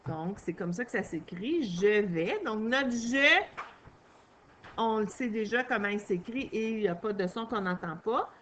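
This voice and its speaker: Slow, patient woman teaching spelling. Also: medium pitch, animated, fairly bright tone, a little hiss or hum. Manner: slow, patient, addresses the child directly. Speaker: schoolteacher. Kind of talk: recorded spelling lesson for a young pupil.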